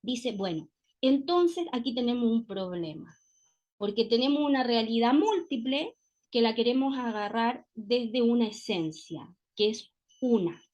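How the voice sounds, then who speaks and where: A Chilean woman teaching a class, her voice sitting a little on the high side. She works through each idea step by step in a relaxed lecture style. She keeps checking in with her listeners through short tag questions. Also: unhurried, highs cut off.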